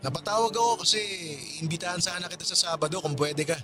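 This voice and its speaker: High-pitched friendly male buddy. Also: quick pace, pushed and bright. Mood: friendly, inviting. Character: friendly, apologetic, inviting male buddy on the phone. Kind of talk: Tagalog radio drama acting.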